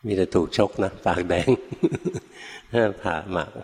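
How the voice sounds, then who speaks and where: Low-voiced monk in a reverberant hall. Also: male voice, level tone, slow pace. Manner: folksy storytelling with rhetorical questions to listeners. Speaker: Buddhist monk teacher. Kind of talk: dhamma talk to a live audience.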